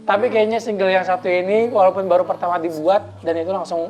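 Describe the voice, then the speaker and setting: Young lady hosting a tv chat, talks quick and bubbly, lowish voice, faint music behind. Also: fairly even intonation, darkish tone. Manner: chatty, upbeat, addresses viewers. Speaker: TV show host. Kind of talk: casual TV interview.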